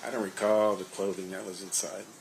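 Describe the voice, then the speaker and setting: Low-voiced man testifying under cross examination. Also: level tone, vocal fry, background noise. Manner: measured, guarded answers. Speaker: witness, police investigator.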